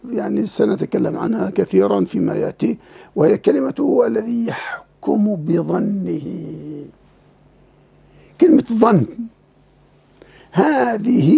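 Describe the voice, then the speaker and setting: A male teacher explains a classical text to his students, stopping to ask them questions and laughing as he goes. His voice sits high but sounds dark, with a strong gravelly fry. His talk is emotive and full of repeated words. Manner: emotive and animated, often laughing and repeating words while he thinks; asks students rhetorical questions. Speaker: teacher of Islamic legal theory.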